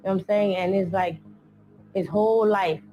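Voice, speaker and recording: A woman recalling her late husband in a documentary interview, speaking softly and reflectively with frequent "you know what I'm saying". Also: medium pitch, fairly even intonation, moderate pace, muffled recording, soft background music. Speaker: interviewee, late rapper's wife.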